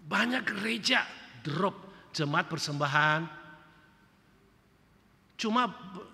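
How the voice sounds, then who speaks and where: A male pastor preaching a sermon, swinging between loud emphasis and quiet, low drops. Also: animated, slow. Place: church sanctuary. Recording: long church reverb.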